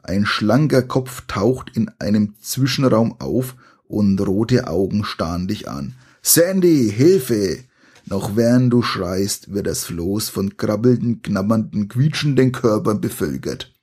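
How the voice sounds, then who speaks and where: A man's voice: on the low side, a little slow, a little mellow, slightly rough. A man reading an adventure gamebook aloud to listeners, with chatty, colloquial asides between the passages. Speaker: reader of a gamebook.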